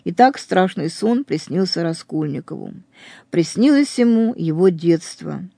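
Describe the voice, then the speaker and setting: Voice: medium pitch, warm tone, no echo, clean studio sound. A reader retelling a novel with earnest, emphatic religious commentary.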